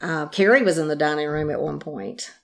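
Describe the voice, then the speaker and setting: A woman's voice: sits low, brisk, creaky. An older woman speaking as a longtime house guide, recalling things carefully in conversation, recorded in an attic room. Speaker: longtime historic house guide being interviewed. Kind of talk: conversational reminiscence.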